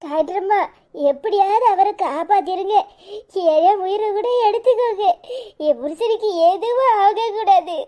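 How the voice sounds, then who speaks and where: A woman's voice: very high-pitched, moderate pace, mellow. A woman with a Kanyakumari Tamil accent voicing a distraught young wife who pleads and scolds in a cartoon. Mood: pleading. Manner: pleading, then harsh scolding. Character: distraught young wife, fierce when angered. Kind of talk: cartoon voice acting.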